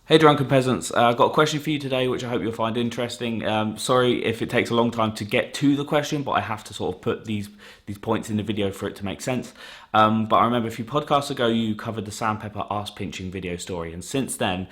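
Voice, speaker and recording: Hesitant man with a lowish voice. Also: quick pace, a bit bright. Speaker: listener sending a video question. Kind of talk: casual rambling explanation.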